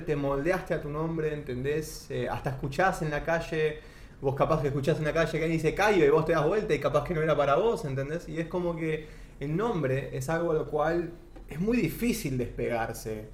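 A man's voice: fairly high pitch, lively intonation, moderate pace. A young man with an Argentine accent tells his faith testimony in a casual interview, earnest and often restarting his sentences. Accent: Argentine Spanish. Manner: earnest, searching for words with many restarts. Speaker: guest giving testimony. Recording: echoey room with faint background noise.

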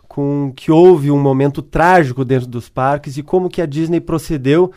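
A man with a Brazilian Portuguese accent answers interview questions as a customer service speaker. He explains his points by telling stories and worked examples, in a voice pitched a little high for a man. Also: moderate pace, a little mellow.

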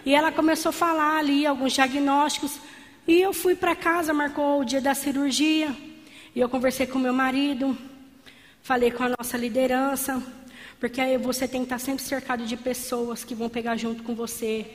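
A woman's voice: high voice, fairly even intonation, moderate pace. A woman giving a fervent sermon-style testimony in church, calling her listeners beloved. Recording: long hall reverb.

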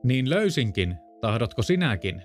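A man voicing a small, stubborn little pig in a storybook reading, raising his voice and slowing down. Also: medium pitch, big pitch swings, faint music behind, close to an everyday voice. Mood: pleading. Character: small clever male piglet, brave and stubborn.

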